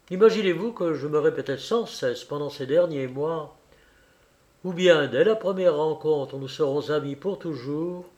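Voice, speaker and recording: A man reading as an eager, excitable teenage boy. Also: fairly high pitch.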